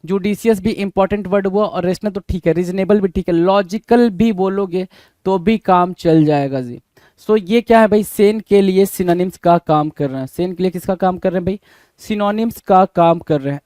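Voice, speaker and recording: A man's voice: high-pitched, a little mellow, no echo. A man teaching English vocabulary in Hindi, drilling word lists and constantly asking questions, then answering them himself. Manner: quizzing, keeps asking "bhai?" then answering. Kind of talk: Hindi-English exam-prep lesson.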